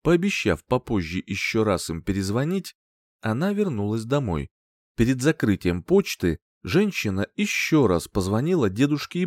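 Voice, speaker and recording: A man's voice: on the low side, a little mellow, no room sound, studio quality. Dramatic man narrating a crime story. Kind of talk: scripted audiobook narration.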